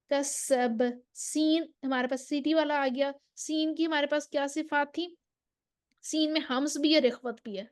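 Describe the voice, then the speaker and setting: A woman teaching recitation rules, patiently explaining and drawing out sample syllables slowly, checking in with the listener. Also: sits high, a little mellow. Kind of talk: tajweed lesson.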